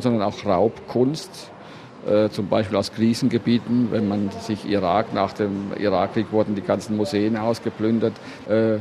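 A man from Germany, an art collector, giving halting, unscripted interview answers. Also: fairly low pitch. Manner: halting, searching for words. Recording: busy crowd in background.

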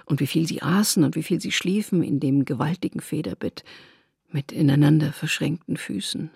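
A woman reads a short story aloud in calm, measured narration, with a creaky, husky voice. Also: low voice, no room sound, clean studio sound. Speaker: reader.

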